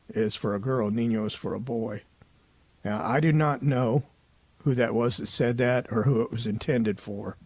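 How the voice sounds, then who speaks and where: A man hosting a paranormal investigation show, giving a casual voice-over recap in a relaxed, conversational way and often hedging his opinions. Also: medium pitch, dry recording.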